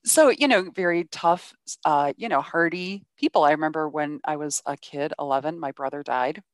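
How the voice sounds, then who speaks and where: A woman's voice: deep voice, normal speed, no room sound, clean studio sound. A woman in her fifties hosting a podcast, telling family stories candidly in casual conversation. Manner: candid, storytelling, filler-heavy. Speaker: podcast host.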